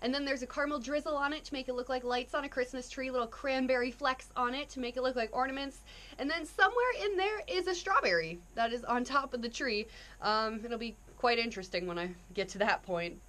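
Casting: woman, 20s, slightly high-pitched, casual vlogger doing a taste-test review. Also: fairly quick, bright, forceful tone. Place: indoor room, seated.

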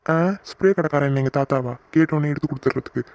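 A young cartoon guy, voiced by a man who teases his friend and talks at breakneck speed. His voice sits a little high for a man. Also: fairly even intonation, rapid-fire, gravelly, a little mellow. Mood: teasing. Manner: bantering, stubborn. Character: teasing young male friend. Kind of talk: cartoon voice acting.

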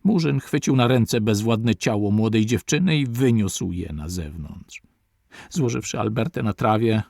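Gravelly male audiobook narrator. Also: lowish voice, darkish tone, dry recording, clean studio sound. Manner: measured literary reading. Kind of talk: reading a classic adventure novel aloud.

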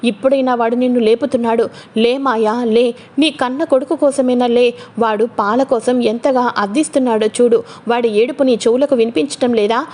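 A woman's voice: on the high side, fairly even intonation, moderate pace, darkish tone, lightly acted. A woman voicing a fierce woman who urgently implores a collapsed mother to wake, in a spoken soap-opera retelling. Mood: imploring. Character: pleading fierce woman urging a mother awake.

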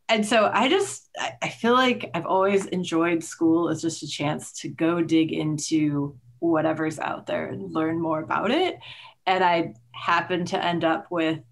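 A middle-aged woman, a guest on a video-call interview, telling her story in a thoughtful, animated way with frequent "like"s. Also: low-pitched. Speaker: interview guest, engineering manager. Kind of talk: casual interview chat. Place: small room at home. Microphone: headset on a video call.

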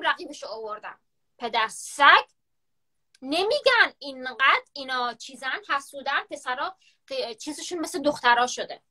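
A woman's voice: sits high, sharp tone. A woman hosting a live stream on her phone, chatting, gossiping and teasing her guests. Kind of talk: casual live-stream chat.

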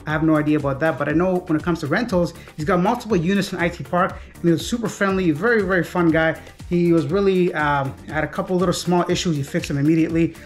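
A man's voice: a little high, fast talker, faint music behind. Chatty man vlogging to the camera. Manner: chatty, easygoing, talks straight to the camera. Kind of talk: casual travel vlog. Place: apartment indoors and city streets.

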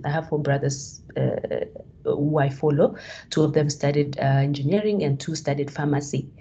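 A Kenyan woman in her thirties, appearing as a guest speaker, gives a hesitant online presentation on a video call, full of fillers and restarts. Her low voice is mellow with a breathy edge, and the call audio is dull and lo-fi.

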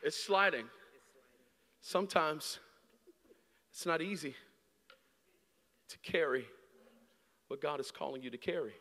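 A man in his thirties preaching a sermon on a large church stage with a handheld mic, swinging from hushed, slow lines to shouted peaks. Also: fairly high pitch, animated. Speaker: guest preacher. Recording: long hall reverb.

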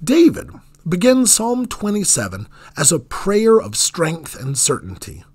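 Husky-voiced man preaching a lively sermon. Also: sits high. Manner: earnest, measured preaching with dropped voice on key phrases.

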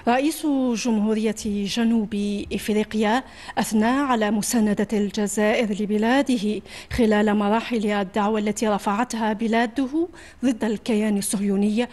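A woman news anchor reading a television news bulletin in a formal, even newsreader delivery. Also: medium pitch, a little fast.

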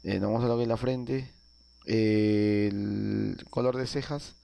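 A man's voice: fairly low pitch, steady tone, a little slow, gravelly, warm tone, no room sound. A man narrating a casual video game tutorial, explaining each step with frequent filler sounds and tag questions. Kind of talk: casual screen-recorded game tutorial voice-over.

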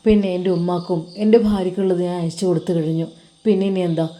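A woman voicing a devout male religious teacher who talks in a soft, kindly, patient tone. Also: on the low side, steady tone, fast talker, natural voice. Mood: gentle.

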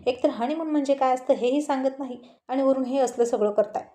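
A naive, innocent young bride, as a woman storyteller puts her on asks her questions in a pleading, childlike manner. The voice sits fairly high but stays soft and mellow, the way a woman reading a story aloud would lend it. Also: fairly quick, natural voice. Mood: protesting.

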